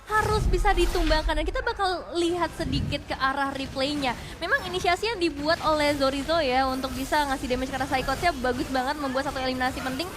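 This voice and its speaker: An Indonesian woman casts esports with analytical commentary. Her voice is high and she talks at a quick clip. There is clear background noise around her.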